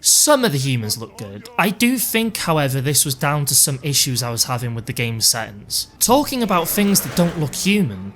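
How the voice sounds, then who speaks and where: A man narrating a scripted video game review, conversational and animated in places. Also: a little high.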